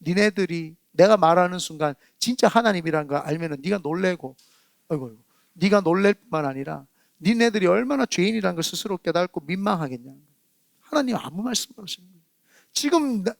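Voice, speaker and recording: A man preaching a Sunday sermon as pastor, acting out people's inner thoughts in lively quoted asides. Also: high-pitched, brisk, vocal fry, dry recording, clean studio sound. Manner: animated preaching, acts out inner voices of listeners. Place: church sanctuary.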